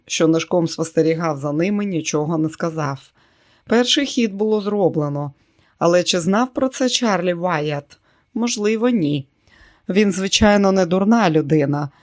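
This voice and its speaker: An audiobook narrator reading a novel in a measured storytelling manner. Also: mid-range voice, a little mellow, no echo, clean studio sound. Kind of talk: scripted narration.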